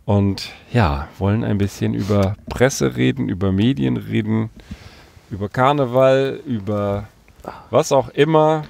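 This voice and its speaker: A man's voice: fairly low pitch, measured pace, gravelly, a little mellow, a little hiss or hum. A man from Berlin hosting a casual podcast chat from inside a parked van, teasing his co-hosts with playful introductions. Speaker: podcast host. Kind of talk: casual chat among friends.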